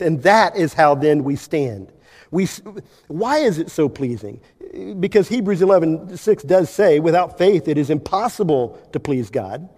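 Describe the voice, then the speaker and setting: A male pastor giving a sermon, preaching with emphasis and big swings between loud and quiet. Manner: emphatic preaching, wide swings in pitch and loudness. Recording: long hall reverb.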